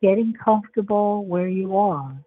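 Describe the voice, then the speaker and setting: A woman leading a guided relaxation meditation in a soothing, measured way, with long pauses between short phrases. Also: medium pitch, husky, no echo. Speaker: show host and guided imagery facilitator. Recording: dull lo-fi sound with faint background noise.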